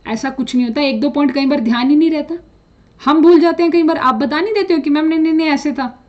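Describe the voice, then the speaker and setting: A woman with a high voice lectures students on exam preparation, blunt and direct, now and then switching into English phrases. The recording sounds dull and lo-fi. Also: fast talker. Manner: direct, scolding, mixes English phrases into speech. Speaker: chemistry teacher.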